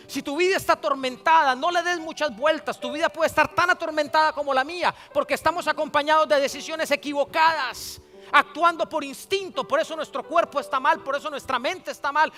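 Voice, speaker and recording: A man preaching a sermon in a very high voice with a sharp edge, retelling a personal story and voicing the dialogue. His voice rings with long reverb through the church sanctuary. Faint instrumental music plays underneath. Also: a little fast. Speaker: pastor.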